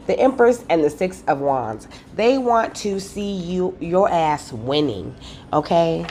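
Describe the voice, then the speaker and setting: A woman's voice: sits low, darkish tone, a little hiss or hum. A woman giving a casual spiritual card reading, talking loosely, swearing freely and tagging on "okay" again and again.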